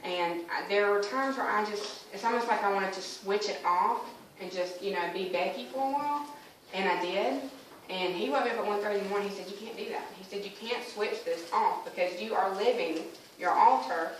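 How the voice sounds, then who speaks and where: A woman's voice: medium pitch, brisk, hardly any pauses. A woman giving a personal spoken testimony in church, telling her story and acting out her conversations with God. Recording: echoey room from a distant mic, faint noise.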